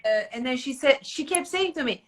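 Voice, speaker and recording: A middle-aged woman from Turkey, speaking English with a Turkish accent, telling animated stories in casual podcast chat with slightly broken English. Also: high voice, a little fast. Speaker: podcast host.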